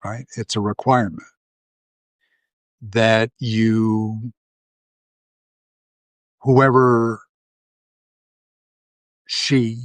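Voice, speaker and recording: A man's voice: on the low side, little pitch movement, drawn-out words, long pauses, no echo. A man hosting a live video, talking through casual commentary, rambling with lots of fillers and restarts. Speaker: livestream host.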